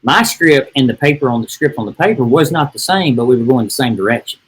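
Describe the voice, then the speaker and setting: Husky-voiced man telling a story. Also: mid-range voice, animated, fast talker, rough recording. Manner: folksy, rambling, with many "and, uh" restarts. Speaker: real estate agent, podcast guest. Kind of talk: casual storytelling.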